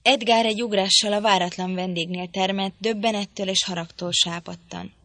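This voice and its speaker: A woman narrating a novel in an audiobook in a measured storytelling manner. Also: medium pitch, steady tone, fairly bright tone, no room sound.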